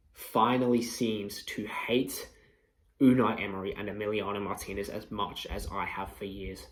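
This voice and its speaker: A man's voice: fairly low pitch, echoey room. A young man giving a passionate, mocking post-match reaction as a fan channel host. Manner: passionate, swearing, mocking rivals.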